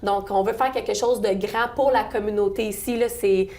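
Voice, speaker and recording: Young Québécoise woman with a creaky voice. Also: mid-range voice, steady tone, normal speed, darkish tone. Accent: Québécois French. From Quebec, Sorel-Tracy region. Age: 20s. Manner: friendly, chatty, many fillers and restarts. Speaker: chamber of commerce events staff, guest. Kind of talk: local radio interview.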